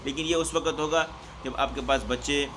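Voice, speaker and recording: A man's voice: fairly high pitch, noisy background. Man explaining Quran recitation teaching. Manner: steady explaining, frequent "theek hai" check-ins. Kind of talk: instructional talk to teachers.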